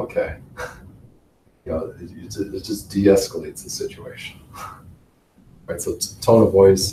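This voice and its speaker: A man teaching a business class in a relaxed way, often chuckling and repeating words. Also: sits low. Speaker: instructor. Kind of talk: classroom lecture. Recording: roomy, from far off, faint noise.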